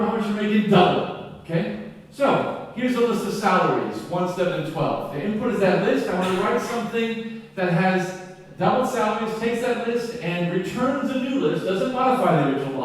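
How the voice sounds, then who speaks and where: A man giving an enthusiastic, animated conference keynote, acting out classroom exchanges as he teaches. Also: high-pitched. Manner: animated, enthusiastic, acts out dialogue. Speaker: keynote speaker. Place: lecture hall. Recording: echoey hall from far off.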